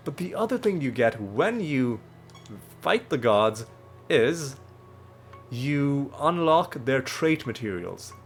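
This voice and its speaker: A man speaks slowly with big pitch swings around a medium register while hosting a let's play. A cold he's recovering from makes him a bit nasal, and his casual commentary rambles with frequent self-corrections. Faint music plays in the background.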